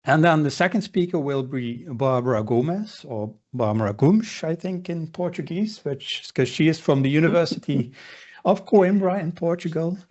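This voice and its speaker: A man's voice: on the high side, moderate pace, darkish tone, dull audio. A man moderating an academic webinar over a video call, introducing speakers formally with small wry asides.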